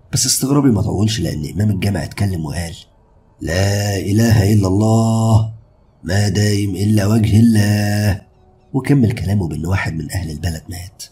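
Deep fast-talking Egyptian storyteller. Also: male voice, a little mellow, slight background noise. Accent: Egyptian Arabic. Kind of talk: first-person horror story narration.

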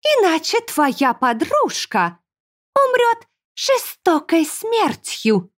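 A woman reading an audiobook, voicing a cruel, mocking female demon who gloats in slow, drawn-out taunts. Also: very high-pitched, wildly swooping pitch, no room sound, clean studio sound, pitched above the performer's own voice, full character voice. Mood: gloating taunt.

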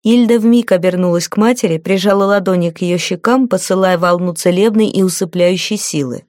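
Lowish woman reading fantasy aloud. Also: a little fast, dry recording, studio quality. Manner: even, storytelling reading. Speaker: audiobook narrator. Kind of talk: scripted fantasy narration.

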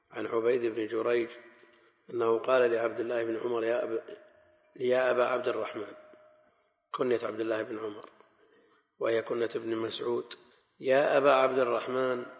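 A man teaching a classical Arabic lesson on hadith, explaining in a measured way and repeating key phrases for emphasis. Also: medium pitch. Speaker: Islamic scholar teaching hadith. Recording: echoey hall with long reverb.

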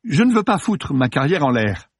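A man voicing a vain male film star who blusters and then pleads in a shrill, strained voice, in an audiobook. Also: very animated, normal speed, husky, dry recording. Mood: panicked. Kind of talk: audiobook character voice.

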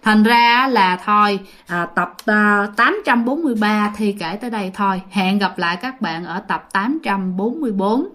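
A woman's voice: mid-range voice, normal speed, few pauses, a bit bright. A woman with a Southern Vietnamese accent casually telling a ghost story as host of her channel, rambling with fillers, her voice a little worn and sore. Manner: chatty, rambling, with many fillers.

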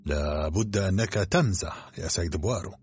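A man's voice: low voice, moderate pace, lightly acted. A man voicing a curt, rational expedition doctor who trusts only science. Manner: curt, matter-of-fact.

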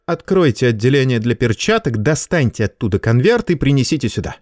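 A man voicing a cunning, high-strung male schoolteacher who exclaims loudly in a raised voice. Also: big pitch swings, fairly quick, no room sound, studio quality, lightly acted. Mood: commanding.

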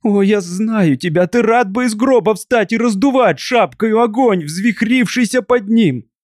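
A man's voice: expressive, normal speed, a little mellow, no echo, clean studio sound. A man voicing a desperate young Cossack wife, pleading in a raised, impassioned voice. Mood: accusing. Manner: impassioned, pleading, high-pitched.

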